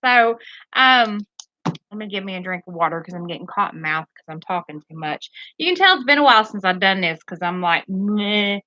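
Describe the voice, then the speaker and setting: A woman chatting on a home live stream from her bedroom, a little nervous and rambling as she loses her train of thought. Her voice is bright and lively and rises and falls a lot. The sound is dry and a bit muffled. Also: on the low side, brisk, no echo. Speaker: tarot reader and streamer. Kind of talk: casual live-stream chat. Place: bedroom at home, pets nearby.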